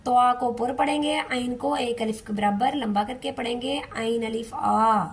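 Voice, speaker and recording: A woman's voice: fairly high pitch, fairly even intonation. A woman teaching Quran recitation step by step, patiently repeating each word and drawing out the recited lines. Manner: patient, repeats words slowly, recites in a drawn-out chant. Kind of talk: slow step-by-step tajweed lesson.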